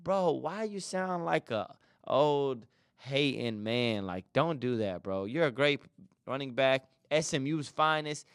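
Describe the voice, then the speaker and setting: A young man from the Dallas area, hosting a casual sports podcast in slangy, animated talk aimed straight at his listeners. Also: medium pitch, slow, clear, resonant tone, dry recording, clean studio sound. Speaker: podcast host.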